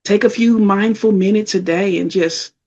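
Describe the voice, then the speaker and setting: A woman's voice: medium pitch, moderate pace, darkish tone, slightly rough, lo-fi sound. A middle-aged woman giving a motivational self-care talk, emphatic and conversational, repeating her points. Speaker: spiritual talk speaker.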